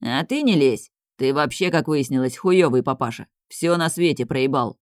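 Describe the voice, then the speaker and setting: A reader voicing a dangerously calm, sneering middle-aged man who runs the house. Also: medium pitch, moderate pace, dry recording, studio quality, close to an everyday voice. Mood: mocking. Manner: sharp, cold, sneering.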